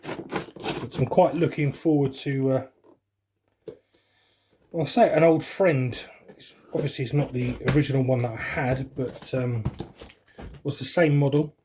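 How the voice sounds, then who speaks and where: Unboxing on camera, a forty-something hobbyist vlogger from West London drifts into casual, rambling reminiscences in a London English accent. He speaks unhurriedly at a medium pitch with a steady, darkish tone and long pauses, and there's a little hiss or hum on the recording.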